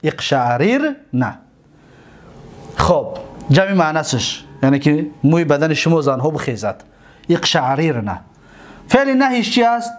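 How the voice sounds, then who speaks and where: High-voiced man drilling grammar forms. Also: very animated. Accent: Tajik. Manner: drills word forms slowly, repeating each aloud. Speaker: teacher. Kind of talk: grammar lecture.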